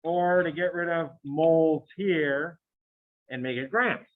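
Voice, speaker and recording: A male chemistry teacher lecturing a class, chatty, thinking out loud and firing questions at the room. His voice sits a little high for a man. The recording is thin and tinny, like a phone line. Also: slow. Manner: chatty, thinks aloud, quizzes students. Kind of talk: classroom lecture working problems.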